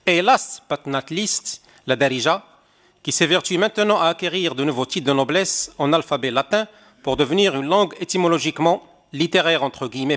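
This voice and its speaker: In a seminar hall, an older Moroccan man who works as a conference interpreter reads a prepared talk, adding wry, rhetorical asides. His voice sits a little high and has a fairly bright tone.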